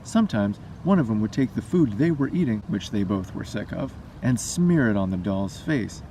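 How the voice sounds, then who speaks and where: Reading a frightening tale aloud, this male storyteller-vlogger sounds animated, with a fairly low, dark voice at a moderate pace. Background noise comes through a distant microphone.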